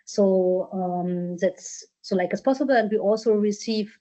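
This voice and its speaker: Unhurried and dark-toned, this mid-range female voice belongs to a presenter from a culture collection fielding questions from a workshop audience. She hesitates a lot, filling pauses and restarting sentences, on dull, lo-fi conference audio.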